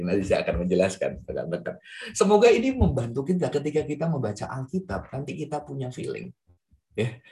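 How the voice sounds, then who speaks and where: Man, evangelist preacher, animated sermon storytelling, addresses the congregation. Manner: lively pitch swings, drops to soft quiet tones when quoting.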